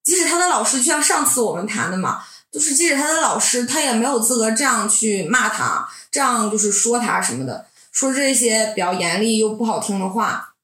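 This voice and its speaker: A woman in her twenties, a doctoral student, telling a candid personal story in an animated, sometimes heated way. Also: on the high side, brisk, hardly any pauses. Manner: animated, heated, then reflective. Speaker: doctoral student recounting mentoring. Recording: roomy echo.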